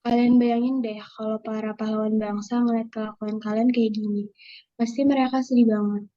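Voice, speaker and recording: A young woman playing a calm, reasonable student who persuades others. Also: fairly high pitch, normal speed, no room sound, natural voice. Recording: dry, slightly muffled.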